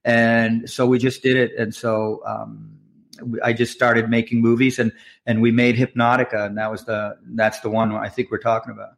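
A doctor turned filmmaker from Nova Scotia, Canada, is a guest in a casual storytelling interview. His mid-range, gravelly voice comes at a normal speed with a flat delivery. He tells his story in a loose, frank way and laughs easily.

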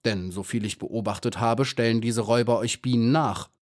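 A man's voice: mid-range voice, moderate pace, lightly acted. A man voicing a fussy male centipede who doubts everything, speaking pedantically in an audiobook. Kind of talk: audiobook character voice.

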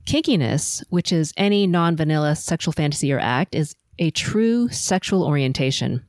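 A middle-aged woman from Los Angeles hosting a solo podcast, telling her life story in a measured, composed, prepared way. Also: low voice, lively intonation, a little mellow, no room sound, studio quality. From Los Angeles, USA. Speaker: podcast host. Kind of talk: autobiographical solo podcast narration.

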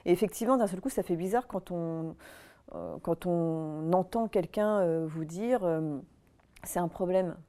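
A woman's voice: fairly low pitch, unhurried, dark tone. A woman in her thirties, an interview guest, talking candidly and reflectively with frequent hesitations. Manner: reflective, hesitant with many fillers.

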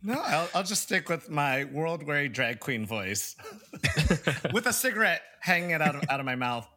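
A man's voice: on the high side, very animated, normal speed, bright, forceful tone. A man co-hosting a podcast, chatting in a playful, self-mocking way. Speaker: podcast co-host. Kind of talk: casual podcast chat.

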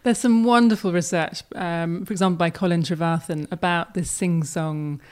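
A woman's voice: fairly low pitch, fairly even intonation, moderate pace, clear, resonant tone. A woman child and family psychiatrist, explaining enthusiastically as a podcast guest. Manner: warm, explanatory, enthusiastic about research. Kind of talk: podcast conversation.

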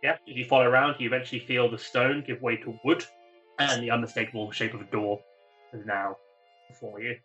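Bright-voiced man narrating a tabletop game. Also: medium pitch, fairly even intonation, faint music behind, rough recording. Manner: halting, feeling for words in short fragments. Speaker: game master.

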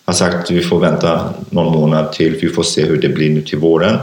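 Deep-voiced man, halting, echoey room. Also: little pitch movement, darkish tone. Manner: halting, many fillers and restarts. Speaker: interview guest, author. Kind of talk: personal testimony in an interview.

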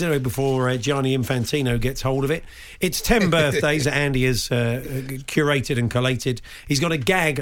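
A man co-hosting a casual sports chat, jokey and laughing often. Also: medium pitch. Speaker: podcast co-host.

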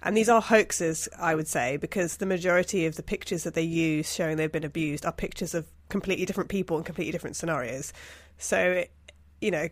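A woman on a podcast panel, explaining things casually and rephrasing to be clear. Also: deep voice, fast, few pauses, dry recording.

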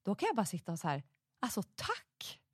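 A woman in her thirties chatting casually as a podcast host, her voice sitting a little low. She talks in an animated, exclamatory way. The sound is dry and close, with no room around it. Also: husky, dry recording. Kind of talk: casual chat.

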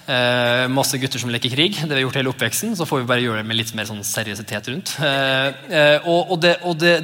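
A male pastor in his thirties giving a lively, conversational sermon, sometimes acting out voices in his exclamations. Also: medium pitch. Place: church. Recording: long church reverb.

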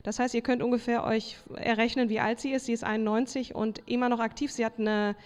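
A woman's voice: fairly high pitch, little pitch movement, brisk, a little mellow. A woman co-hosting a live podcast before an audience, telling a story and reading aloud, with many fillers. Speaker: podcast co-host. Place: hotel event space with audience. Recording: long hall reverb.

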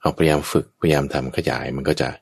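A man's voice: very deep voice, steady tone, fast, creaky. A man, a Buddhist monk, giving a patient, explanatory Dharma talk in conversation and now and then acting out everyday speech as examples.

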